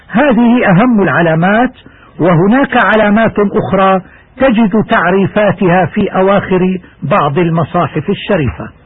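A man teaching a recorded lesson on Quran recitation, in measured, formal instructional delivery. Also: high voice, no echo. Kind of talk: scripted lesson narration. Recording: husky, dry, phone-like radio broadcast.

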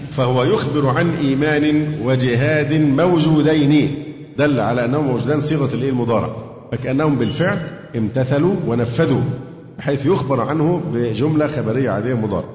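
A man with an Egyptian Arabic accent teaching a Quran lesson to a class, quizzing his students on grammar and reciting verses slowly. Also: on the high side, a little mellow. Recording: echoey hall, dull lo-fi sound.

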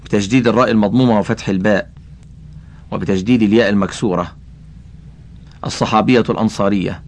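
Low-voiced man reading religious commentary. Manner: careful, spells out vowel marks of names; addresses the listener directly. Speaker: audiobook reader.

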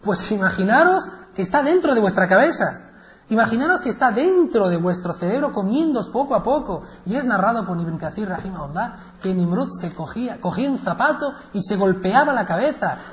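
A man with a Spain Spanish accent telling a religious story as a lesson, lively and animated, with asides to his listeners. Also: sits high, brisk, roomy sound, highs cut off.

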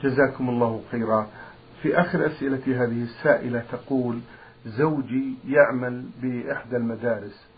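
A man's voice: mid-range voice, fairly even intonation, a little fast, husky. A man presenting a radio programme and reading out questions in formal Standard Arabic, with deferential, polite phrasing. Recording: narrow phone-like radio sound, faint noise.

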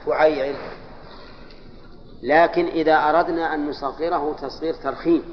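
Brief: male teacher, slightly high voice, quizzing students, dull lo-fi hall recording. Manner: explains step by step, quizzes students with "ها؟". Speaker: teacher of Arabic grammar. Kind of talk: classroom lecture on grammar. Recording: echoey hall, dull lo-fi sound, faint hiss.

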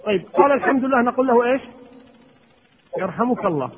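Husky high-voiced man teaching in a hall. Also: lively intonation, fast talker. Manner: asks questions and answers them himself. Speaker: Islamic teacher. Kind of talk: religious lesson. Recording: muffled lo-fi with long hall echo.

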